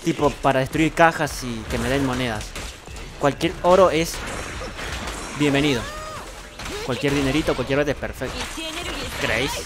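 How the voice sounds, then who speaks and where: A man with an Argentine accent giving excitable, boastful gameplay commentary at his computer, swearing casually. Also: mid-range voice, moderate pace, pauses often. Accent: Argentine Spanish. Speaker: gaming streamer. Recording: loud game music behind voice.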